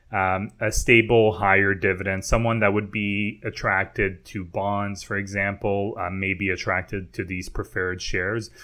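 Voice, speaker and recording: A man's voice: lowish voice, pushed and bright. A man with a French Canadian accent, co-hosting an investing podcast and explaining things in a casual, chatty way with fillers and restarts. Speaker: podcast co-host.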